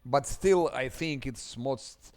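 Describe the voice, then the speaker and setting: A man's voice: mid-range voice, faint music behind. Man with an Eastern European accent. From Ukraine. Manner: mutters quietly while playing, halting restarts. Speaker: game streamer. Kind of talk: casual gameplay commentary.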